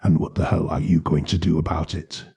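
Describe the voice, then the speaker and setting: A man's voice: very deep voice, fairly even intonation, fairly quick, gravelly, dark tone, slightly rough, exaggerated voice. A man voicing a mocking, menacing male killer staying at a hotel, with a sneering, taunting delivery.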